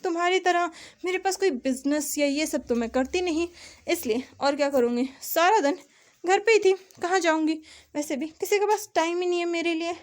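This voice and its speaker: A woman voicing a sulky, jealous wife who taunts and complains in a sharp-tongued way. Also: high-pitched, lively intonation, moderate pace. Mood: taunting sulky.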